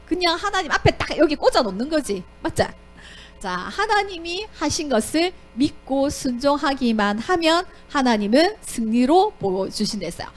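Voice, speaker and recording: Brief: lively woman teacher, high and sing-song, quizzing children through a Bible story. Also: normal speed, soft background music. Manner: animated, asks the children questions. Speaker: Sunday school teacher.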